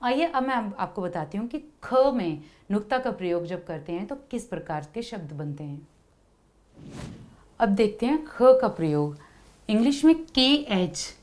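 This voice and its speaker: A woman teaching young children, explaining slowly and patiently, repeating letter sounds and pausing on fillers. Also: mid-range voice, a little mellow. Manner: frequent hesitation fillers. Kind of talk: Hindi lesson for children.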